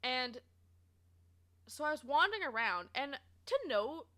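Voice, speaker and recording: A young woman streamer casually telling a story about her old job, chatty and animated, laughing often and saying "like" a lot. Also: high voice, measured pace.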